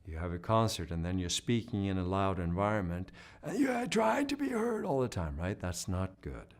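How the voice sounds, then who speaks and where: This online singing lesson features a man whose low voice swings widely in pitch as he speaks at normal speed. Patient in his explanations, he keeps checking in with "right?" and illustrates hoarse and humming sounds along the way.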